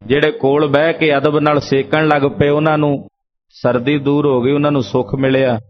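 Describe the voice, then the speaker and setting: A man's voice: a little high, little pitch movement, normal speed. A man preaching a Sikh sermon, explaining each sung verse by repeating its meaning in several phrasings. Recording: lo-fi dull recording.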